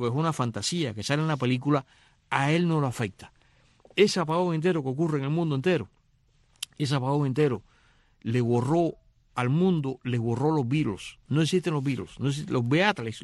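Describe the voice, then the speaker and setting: A man's voice: on the high side, no room sound. A middle-aged man casually retelling a film's story, acting out the characters' lines. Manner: animated, acts out dialogue. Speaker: radio host recounting a film.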